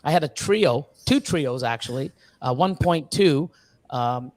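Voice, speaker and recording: Man, slightly high pitched, casual live chat, rambling, lots of ums, swears casually. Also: lively intonation, measured pace, no echo. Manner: rambling, loose, many fillers and restarts. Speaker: guest, ball python breeder. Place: reptile facility in Ontario.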